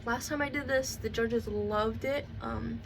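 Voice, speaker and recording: A woman's voice: fairly high pitch, measured pace, creaky, distant mic. A woman cosplayer talking casually through a how-to vlog, chatty and rambling, full of likes and ums. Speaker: cosplayer showing a build book. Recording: voice a bit off-mic with faint background noise.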